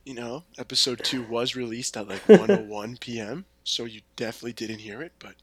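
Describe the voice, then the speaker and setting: A man's voice: mid-range voice, a little fast. A young man co-hosting a podcast, chatting casually late at night in a joking, slangy way. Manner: laid-back, joking, slangy. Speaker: podcast co-host.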